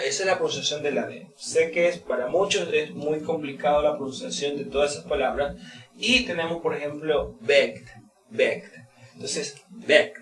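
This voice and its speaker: A man talks through a casual lesson, stopping often on fillers and saying words again slowly. He sits back from the mic in a roomy, echoing space, with a crowd murmuring behind him. His voice sits a little high for a man. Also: recorded from a distance. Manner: hesitant, many fillers, repeats words slowly. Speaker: English teacher.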